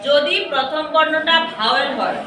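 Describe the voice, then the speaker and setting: A woman's voice: high voice, animated, moderate pace. A woman teaching English to a class in a classroom, drilling with short questions and repeating each answer back. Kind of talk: classroom drill with call-and-response. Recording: very echoey room, distant mic, audible noise.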